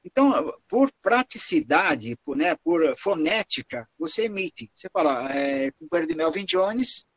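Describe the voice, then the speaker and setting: A man's voice: fairly high pitch, big pitch swings, unhurried, hardly any pauses, fairly bright tone, dry recording, poor audio. A man with a Brazilian accent gives a lecture on protocol and answers questions, explaining patiently and tagging his phrases with "tá?" and "né?". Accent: Brazilian Portuguese. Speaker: lecturer on Lions Club protocol.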